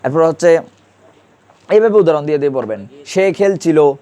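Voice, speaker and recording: A man's voice: on the high side, animated, normal speed, dark tone. A man teaching a classroom grammar lesson, quizzing students and repeating key terms.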